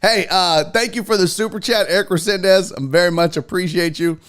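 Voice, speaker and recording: A man's voice: high voice, brisk, a bit bright, smooth. A man hosting a casual livestream, greeting viewers in slangy, buddy-like terms with blunt, profane, joking talk. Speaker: livestream host.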